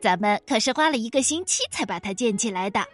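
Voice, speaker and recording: A woman's voice: fairly high pitch, expressive, moderate pace, soft background music. A woman voicing a timid but eager young boy playmate in a storybook. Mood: impatient. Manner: impatient, then stammering.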